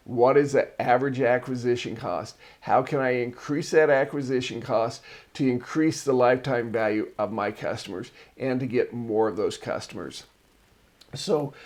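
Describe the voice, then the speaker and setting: A man's voice: medium pitch, moderate pace, a little mellow. A man hosting a marketing show, casually reviewing articles and drifting into personal stories. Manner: chatty and digressive, tells personal stories.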